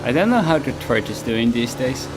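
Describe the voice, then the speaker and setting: Over game music and background noise, a male streamer with a medium, sing-song voice talks at an ordinary pace while playing from home. He rambles casually, pokes fun at himself, and often lets his words fade out.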